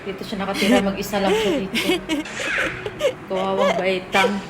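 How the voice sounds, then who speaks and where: A woman's voice: medium pitch, animated, normal speed. A woman vlogger giving a teasing, playful house tour, laughing often as she chats.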